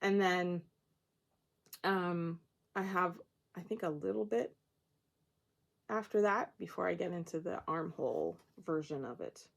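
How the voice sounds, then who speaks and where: A woman in her thirties from Nova Scotia, chatting through a show-and-tell of her crafts. Her voice sits low with a gravelly, fry-tinged edge. She rambles a little and laughs at herself as she goes. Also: a little slow, pauses often. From Nova Scotia, Canada. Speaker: craft podcast host. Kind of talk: casual show-and-tell chat.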